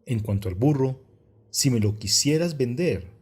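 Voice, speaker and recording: A man's voice: mid-range voice, lively intonation, measured pace, a little mellow, breathy edge. A man reading a shrewd, dismissive boss. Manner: dismissive, bargaining. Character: shrewd male boss, a horse doctor.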